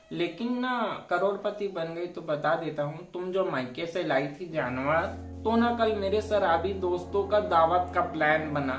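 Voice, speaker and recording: A woman's voice: fairly low pitch, natural voice. A woman playing a boastful scheming husband. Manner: rhyming comic boasts. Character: boastful scheming middle-aged husband and father. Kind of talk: comedy sketch. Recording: roomy room with background music.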